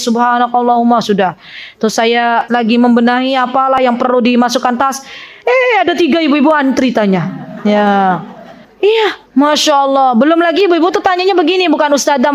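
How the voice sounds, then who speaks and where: A woman religious teacher giving a lively sermon to women, acting out quoted voices and chatting with the audience. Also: fairly high pitch, dull audio.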